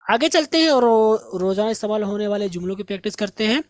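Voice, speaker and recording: A woman at a middle pitch teaching vocabulary in a patient, drilling way. She says each word twice, slowly and clearly, before glossing it. The sound is dry and close, with no room echo. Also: animated. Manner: repeats each word slowly to model pronunciation. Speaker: English teacher. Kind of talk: spoken language lesson.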